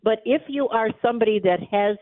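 A high-leaning, brisk female voice explains things in a live radio interview held by phone. The speaker, an alert tax preparer who leads her company as chief executive, is the expert guest. The recording is dry and sounds like a narrow, tinny telephone line.

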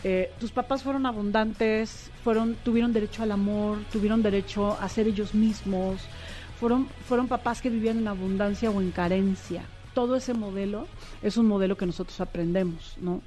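A middle-aged woman, a psychotherapist guest explaining ideas in a warm, expressive way. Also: medium pitch, normal speed, faint music behind. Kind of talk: casual interview chat.

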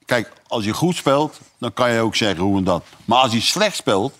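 Older man, blunt earthy football pundit, middle-pitched, repeats himself. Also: lively intonation, moderate pace, a bit bright. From Rotterdam, Netherlands. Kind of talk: casual podcast chat.

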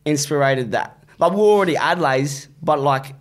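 A man with an Australian accent chatting casually as an interview guest, blunt and animated, with heavy slang and swearing. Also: on the high side, a little fast. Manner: blunt, animated storytelling with repeated "bro" and "like".

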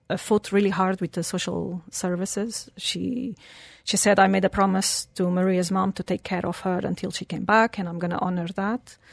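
With a creaky mid-range voice and no room sound around her, this interview guest, a Portuguese woman in her forties, recounts her life earnestly. She tells it like a story, in English that is slightly broken.

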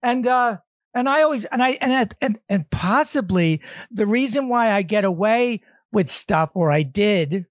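A middle-aged man hosting a casual chat, telling stories in a gruff, rambling way and swearing. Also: high-pitched, lively intonation, a little slow, dry recording, clean studio sound. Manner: gruff, rambling storytelling with profanity.

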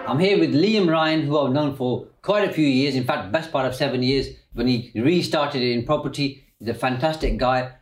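A man's voice: medium pitch, moderate pace, few pauses, roomy sound, a little hiss or hum, low-quality recording. A man with a British accent speaking conversationally as an interviewer.

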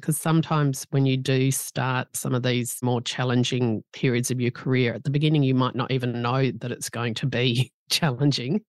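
A man hosting an interview, asking questions in a conversational way and warmly praising his guest. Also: medium pitch, no echo, studio quality. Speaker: interviewer, host.

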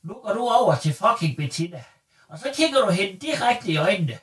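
A man's voice: sits high, animated, a bit bright, distant mic. A man playing a crude, foul-mouthed, bossy mother in a comedy radio sketch, swearing and insulting. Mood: spiteful. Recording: roomy echo, off-mic.

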